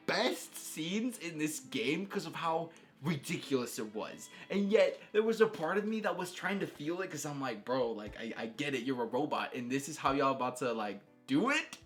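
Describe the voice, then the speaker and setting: His voice leans high with a fairly bright tone as this video game reviewer and host chats loosely about games. The commentary rambles enthusiastically in slangy, informal language, with frequent repeated words and returns to earlier points.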